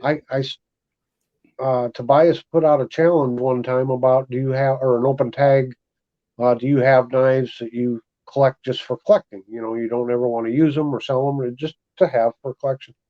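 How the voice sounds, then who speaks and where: Male podcast host, mid pitch, relaxed chatty delivery, slightly muffled audio. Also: moderate pace. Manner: easygoing, conversational. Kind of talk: casual chat.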